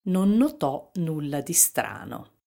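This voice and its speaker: A woman reading a fairy tale aloud as narrator, in a calm, measured storytelling manner. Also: low voice, creaky.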